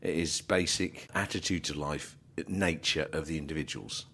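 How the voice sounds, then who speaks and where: Casting: male podcast host, deep voice, informal and chatty, questions that wander as he talks. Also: steady tone, normal speed, fairly bright tone, slightly rough. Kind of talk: casual interview.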